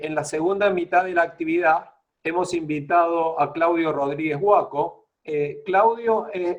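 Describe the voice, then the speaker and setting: Man, moderator, halting speech, lots of fillers, slightly high voice, video call. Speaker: program director and moderator. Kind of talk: introducing speakers on a video call.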